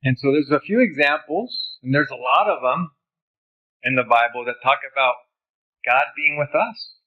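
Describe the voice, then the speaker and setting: A man's voice: mid-range voice, normal speed, muffled recording. A man who grew up in Honduras, teaching about ministry in a conversational lecture over slides, with personal stories.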